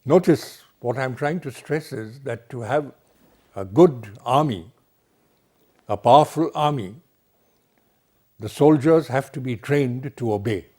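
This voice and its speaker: A middle-aged man giving a university lecture on literature, slow and emphatic. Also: mid-range voice, a little mellow. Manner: slow, deliberate, emphatic delivery.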